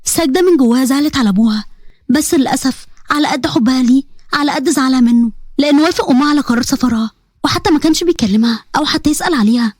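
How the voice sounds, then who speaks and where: A woman with an Egyptian accent narrating a story in a brisk, expressive reading. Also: high-pitched, dry recording, clean studio sound.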